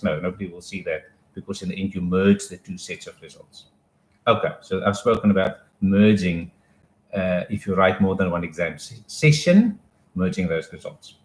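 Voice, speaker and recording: A man gives advice in a relaxed, rambling way and often backs up to restart a thought. His voice sits a little low, and the room around him rings with noticeable echo. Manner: casual and explanatory, with restarts and asides. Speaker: education advisor. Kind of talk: live informational talk.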